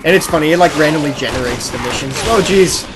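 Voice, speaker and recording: A fairly high-pitched man talks at a quick pace on his gaming podcast, explaining things casually and at rambling length during gameplay. He sometimes acts out imagined quotes, and video game sound runs through the noisy, amateur-quality recording.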